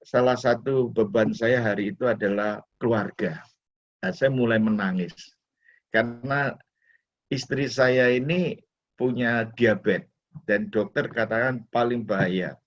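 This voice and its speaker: A middle-aged man, a pastor, tells a personal testimony to his congregation, speaking to them as brothers and sisters. His voice sits at an ordinary male pitch. It comes through a video call and sounds dull and lo-fi. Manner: storytelling, often addresses listeners as brothers and sisters. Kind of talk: sharing a personal testimony in a church talk.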